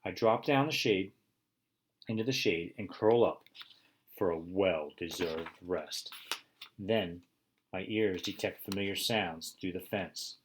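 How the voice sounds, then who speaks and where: A man narrating a children's storybook in first person, expressive with bursts of excitement. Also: low-pitched, slow pace, slight background noise. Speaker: audiobook reader.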